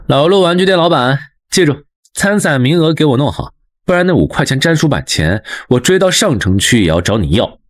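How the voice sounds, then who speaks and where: A laid-back young mechanic in a motion comic, talking in a casual, offhand way. His slightly high voice moves lively up and down, and the recording is dry and close. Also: a little fast, no echo. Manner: casual, unbothered. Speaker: lead character.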